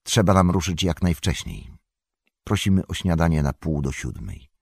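Man doing a tired earnest young hobbit, quiet, gravelly low voice, storybook reading. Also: expressive, normal speed, dry recording, studio quality, heavily acted. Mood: weary.

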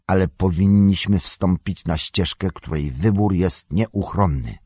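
A man voicing a grave, commanding old male wizard in an audiobook, speaking in a husky, measured, solemn way. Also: low voice, warm tone, no room sound, clean studio sound. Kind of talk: audiobook character reading.

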